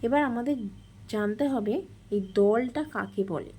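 A woman's voice: on the high side, moderate pace, warm tone, slight background noise. A woman teacher explaining a grammar lesson step by step, asking questions and answering them.

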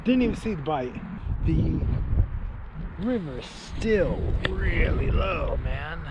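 Speaking slowly at a fairly high pitch, a man in his forties records a casual fishing vlog on an outdoor riverbank with an action camera held close or placed nearby. The audio is dull, with wind and ambient noise. Laid-back, he leans on "man" and "dude" and gets excitable when he lands a fish.

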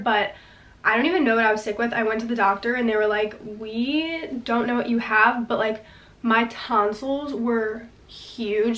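A woman's voice: fairly high pitch, fairly bright tone. A woman in her twenties chatting to camera as a lifestyle vlogger, a little stuffy from a recent illness, enthusiastic and full of "like". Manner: chatty, says "like" a lot, enthusiastic. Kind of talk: casual chat to camera. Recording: roomy echo, mic at a distance.

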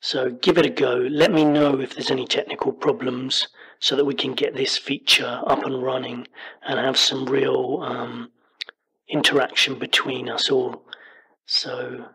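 Male host, recorded voicemail playback, raspy tone, flat delivery, patient and repetitive explainer. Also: mid-range voice, rough recording. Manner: patient, explanatory, repeats himself. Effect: recorded voice message played back. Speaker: podcast host. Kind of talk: casual spoken instructions.

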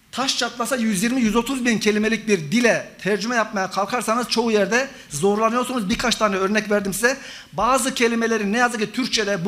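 In a conference hall, a middle-aged professor gives an academic talk, lecturing the audience, calling them friends, and listing examples and synonyms. His voice sits high and carries a slight brightness.

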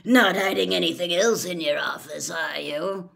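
A woman voicing a gruff, suspicious old male professor in a storybook reading, growling with slow, sardonic menace. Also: fairly low pitch, a bit bright. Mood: probing, suspicious. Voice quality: growling, gravelly. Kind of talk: audiobook character voice.

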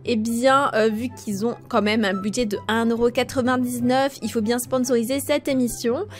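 A woman's voice: fairly high pitch, fairly even intonation, normal speed, faint music behind, lightly acted. A woman playing a gushy, flamboyant female presenter of a TV fashion contest, introducing the show theatrically. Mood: gushing, theatrical.

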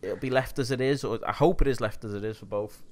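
A man's voice: mid-range voice, fast talker, darkish tone. A man co-hosting a podcast, chatting casually about football and putting questions to his co-host.

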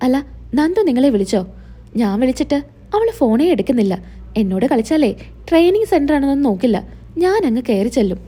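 A woman's voice: high-pitched, very animated, fast, long pauses, warm tone, slightly rough, heavily acted. Woman reading as a bitter, blunt husband.

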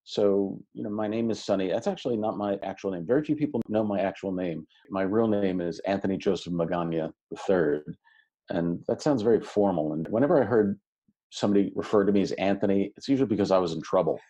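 Deep, mellow man speaking relaxed and articulate. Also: quick pace, muffled recording. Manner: articulate, relaxed and welcoming, occasional fillers. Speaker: podcast guest, education researcher. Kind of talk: reflective interview answers.

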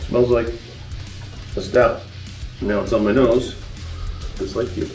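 A man's voice: mid-range voice, fairly even intonation, slow pace, a little mellow, reverberant, recorded from a distance, soft background music. A man in a casual roundtable beer review who jokes and readily agrees with the others.

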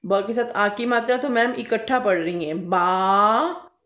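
A woman's voice: mid-range voice, a bit bright. A woman teacher reading a Hindi lesson aloud to young children syllable by syllable, calling herself ma'am. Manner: calls herself "ma'am", addresses pupils as beta, drawn-out vowels. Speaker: primary school Hindi teacher. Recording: echoey room.

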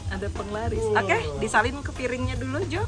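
A woman's voice: on the high side, brisk. A middle-aged woman casually directing her children through a cooking session in a home kitchen, playful and teasing, with music and clatter behind. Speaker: mother guiding kids through cooking. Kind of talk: casual instructional cooking chat.

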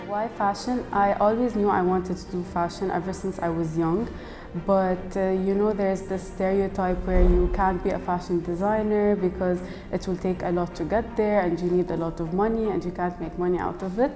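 A Lebanese woman in her early twenties gives an interview testimonial as a student, her voice lowish, steady, dark, and at normal speed. She's filmed indoors against a plain wall and banner, in a reverberant hall with clear background music underneath.

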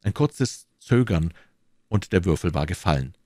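A man reading an audiobook in a measured, dramatic storytelling manner. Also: low voice, lively intonation, warm tone, dry recording, studio quality. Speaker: audiobook reader. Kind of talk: scripted audiobook narration.

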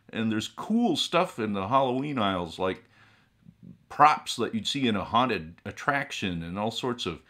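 Man playing a slow, theatrical ghoulish horror host. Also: mid-range voice, fairly bright tone. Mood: wry. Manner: horror host: theatrical, drawn-out, droll delivery. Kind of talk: comic horror-host monologue to viewers. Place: small indoor room with collectible shelves.

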